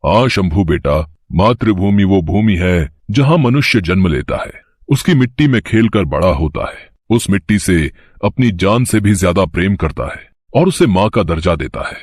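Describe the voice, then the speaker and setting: A patient schoolteacher explains a lesson in a lowish, steady voice, played by a man. The cartoon voice is recorded close and dry. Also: normal speed, breathy edge, no room sound. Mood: instructive. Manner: explaining, instructive. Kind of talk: cartoon voice acting.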